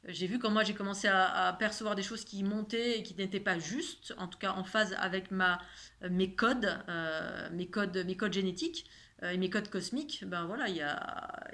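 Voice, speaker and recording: A woman with a mid-range voice and a slight lisp that softens her s sounds. She talks casually and at length like a spiritual teacher, rambling from one thought to the next. She often repeats a word or phrase to stress it. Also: mid-range voice. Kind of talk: casual spoken monologue about spirituality.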